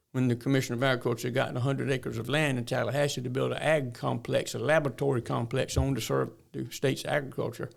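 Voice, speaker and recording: An older man from north Florida, speaking in a creaky mid-range voice with a rural Southern drawl, tells folksy stories as a guest in an interview.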